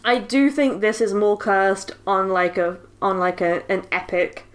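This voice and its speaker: A woman's voice: medium pitch, steady tone, measured pace. A British woman co-hosting a podcast in casual chat, joking and often laughing. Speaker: podcast co-host.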